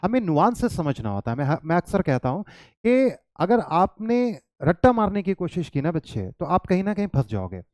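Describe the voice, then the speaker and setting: A man's voice: high-pitched, sing-song, normal speed, darkish tone, no echo, studio quality. An Indian man teaching an English lesson, mixing Hindi and English and quizzing his students with coaxing questions. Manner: coaxing, questions to students, calls them "child".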